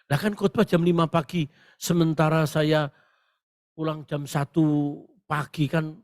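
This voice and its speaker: A male pastor preaching a Pentecostal sermon, telling stories with great animation and breaking into shouted proclamations. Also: on the high side.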